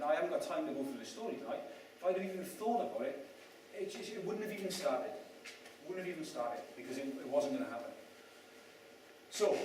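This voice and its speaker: Speaking at a property event, a Welsh-raised man talks chattily and pokes fun at himself, frequently throwing questions to the crowd. His voice is a little high. A distant mic captures him in a strongly echoing room with faint background noise.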